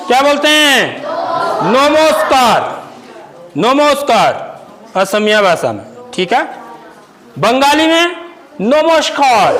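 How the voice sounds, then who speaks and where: High-voiced, slow-talking male teacher. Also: rough recording. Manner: asks the class questions and repeats words slowly. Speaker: school teacher. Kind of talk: classroom teaching to children. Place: school classroom.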